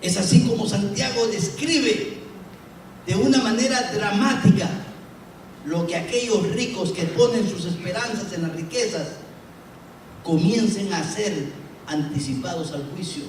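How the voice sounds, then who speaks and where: A male pastor preaching a sermon dramatically, with rhetorical questions, swinging between loud and soft. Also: high voice, measured pace, a little hiss or hum. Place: church sanctuary. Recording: echoey church room from far off.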